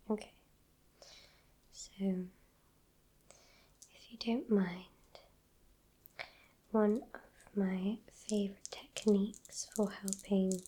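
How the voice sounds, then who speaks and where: A British woman doing a whispered role-play as a soothing healer, in a soft, breathy spa whisper, slow and reassuring. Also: mid-range voice.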